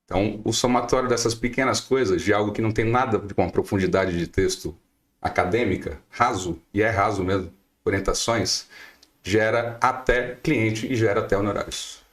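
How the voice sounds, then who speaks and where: A man's voice: lowish voice, moderate pace. A middle-aged Brazilian man giving emphatic advice as a guest lawyer on a podcast, firing off rhetorical questions. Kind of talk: podcast interview.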